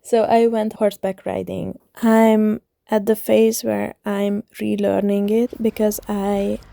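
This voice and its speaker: A young woman from Hungary chatting casually as she narrates her travel and reading vlog, with soft laughs. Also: mid-range voice, little pitch movement, takes it slowly, vocal fry. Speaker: book vlogger. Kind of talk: casual vlog voiceover and diary talk.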